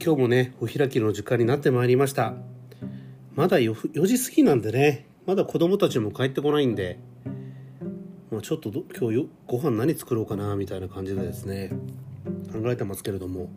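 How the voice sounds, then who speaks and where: A man's voice: medium pitch, lively intonation, quick pace, over music. A man in his forties hosting a casual solo podcast, rambling and self-deprecating with lots of fillers. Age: 40s. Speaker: podcast host. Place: home.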